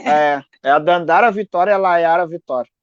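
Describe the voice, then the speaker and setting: A man's voice: a little high, a little fast, clean tone, no room sound. A man speaking earnestly as a guest on a live video interview from home, often repeating words and tagging "né?". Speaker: activist guest. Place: home in a neighbourhood. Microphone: video call. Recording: dull lo-fi stream audio.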